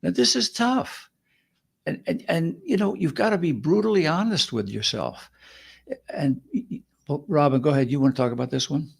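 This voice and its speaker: Man cohost, gravelly voice, calm explaining. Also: a little high, moderate pace. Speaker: co-host. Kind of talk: conversational podcast talk.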